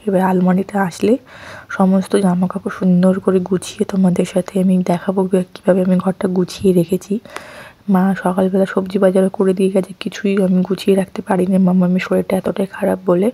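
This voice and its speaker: Young woman talking quiet and husky w a cold, flat mellow voice, vlog voiceover. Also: medium pitch. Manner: speaks softly and quietly at night. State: has a cold, sore throat, sniffling. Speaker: lifestyle vlogger. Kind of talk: soft-spoken vlog voice-over.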